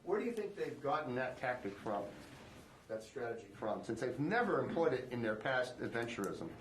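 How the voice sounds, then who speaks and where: A man's voice: mid-range voice, big pitch swings, normal speed. A male reporter at a press briefing, asking a long question while repeating words as he frames it. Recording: echoey room with faint noise.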